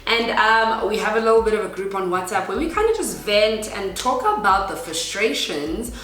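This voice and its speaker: A South African woman in her twenties hosting a casual chat with friends on a couch, lively and laughing often. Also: mid-range voice, normal speed. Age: 20s. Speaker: host. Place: apartment living room, on a couch. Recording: echoey room.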